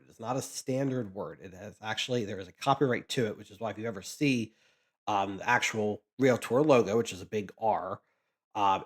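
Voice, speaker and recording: A man casually chatting as he sorts trading cards for his channel, rambling with frequent restarts. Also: fairly low pitch. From Pennsylvania, US. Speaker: card collecting vlogger. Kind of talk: casual chat while sorting cards.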